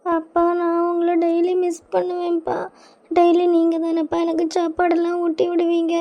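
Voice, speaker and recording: A woman voicing a shy, tender young bride in a cartoon, speaking softly with a Kanyakumari Tamil accent. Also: very high-pitched, monotone, moderate pace, muffled recording. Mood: tearful. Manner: soft, sentimental.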